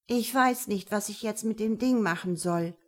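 A woman's voice: medium pitch, unhurried, pitched above the performer's own voice, close to an everyday voice. A woman reading an audiobook, voicing a naive young woman who pipes and whines. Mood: whiny. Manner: piping, whiny.

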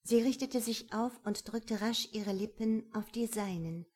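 A woman reading a romance audiobook in a calm, measured, intimate manner. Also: a little high. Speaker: narrator. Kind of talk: scripted audiobook narration.

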